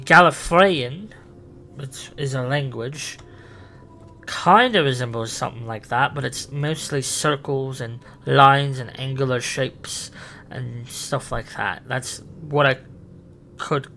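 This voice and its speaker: A man playing a curious, protective time-travelling alien guide in an improvised sci-fi roleplay, speaking in a halting, theatrical way. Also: medium pitch, sharp tone, slight background noise.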